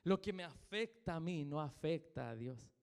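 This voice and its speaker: Slightly high, expressive, and gravelly, this Chilean-accented pastor preaches at a moderate pace in a church sanctuary. He drives his points home through repetition and questions to the congregation, with the hall's long reverb behind him.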